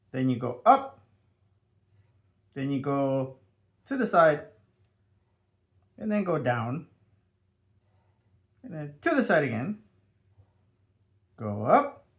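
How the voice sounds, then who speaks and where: A man leading a step-by-step drawing tutorial for children, upbeat and sing-song, dropping in playful sound effects as he draws. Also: a little high.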